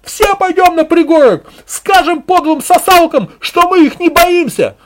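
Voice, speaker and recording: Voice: very high voice, lively intonation, measured pace, pitched above the performer's own voice. A wild squealing woman ringleader.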